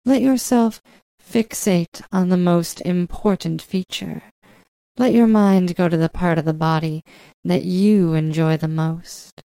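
Slow, intimate, low-pitched woman close to the ear. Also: steady tone, dark tone, clean tone, no echo, low-quality recording. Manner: coaxing, commanding, teasing. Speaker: hypnosis audio performer. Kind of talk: slow, intimate erotic hypnosis narration.

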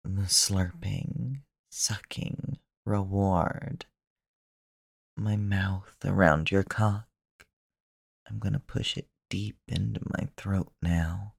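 A man performing slow, intimate erotic roleplay in a soft, commanding manner that often drops to a whisper. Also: deep voice, steady tone, creaky, breathy edge, dry recording, clean studio sound.

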